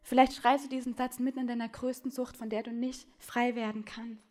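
A woman preaching a sermon, speaking straight to her listeners and swinging between loud urgent appeals and hushed, intimate lines. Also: a little high, flat delivery, fairly quick. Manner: addresses listeners directly with questions.

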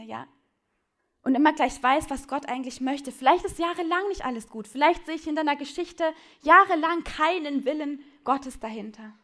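A woman preaching a sermon, speaking straight to her listeners and swinging between loud urgent appeals and hushed, intimate lines. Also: high-pitched. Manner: addresses listeners directly with questions.

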